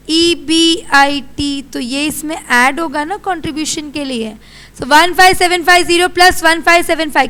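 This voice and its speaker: A young Indian woman teaching a class, brisk and scolding as she quizzes her students. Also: very high voice, sharp tone. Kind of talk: classroom lecture.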